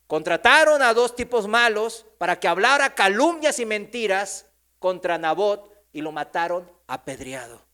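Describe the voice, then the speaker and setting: A man's voice: high-pitched, sharp tone. A male pastor with a Mexican accent preaching in church, telling a Bible story in a folksy way and asking the congregation questions. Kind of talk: sermon.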